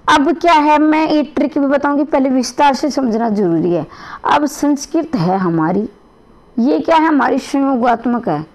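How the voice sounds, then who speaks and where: A woman's voice: sits high, darkish tone. A woman teaching a lesson to exam candidates, with a strained throat, repeating and rephrasing each point and putting questions to her students. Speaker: Hindi teacher for exam preparation.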